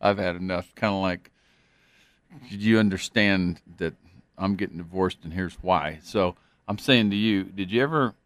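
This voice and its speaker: A man's voice: low voice, normal speed, a bit bright, no echo. A man hosting an interview on faith, talking earnestly and rambling with many fillers. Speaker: interview host.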